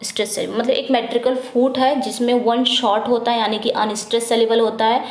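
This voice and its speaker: Woman teacher going over exam questions, slow reading then fast explaining, kinda high voice, echoey room. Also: level tone, a little mellow. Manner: reads English questions slowly, explains quickly in Hindi; repetitive drilling, asks then answers herself. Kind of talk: Hindi-English exam prep lesson.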